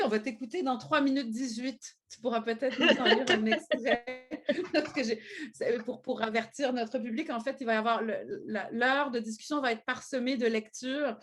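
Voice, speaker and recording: Musing woman host. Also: sits high. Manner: musing, restarts sentences. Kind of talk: online panel discussion.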